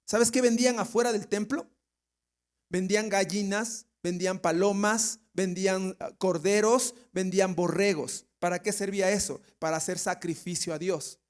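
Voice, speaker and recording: With a high voice, fairly even intonation and a moderate pace, an Ecuadorian-accented pastor preaches a sermon. He asks his congregation questions, jokes, laughs, and at times mimics the people he's quoting.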